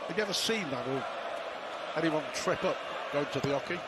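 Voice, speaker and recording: A man's voice: on the high side, animated, fairly quick. A man commentating live on darts in a conversational style. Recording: loud crowd noise behind commentary. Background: noisy darts crowd.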